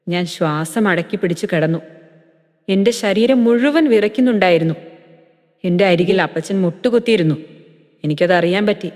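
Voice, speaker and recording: Woman reading out a personal story, close and emotional, mid pitch, lots of room echo. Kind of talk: first-person story narration. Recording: echoey room with long reverb.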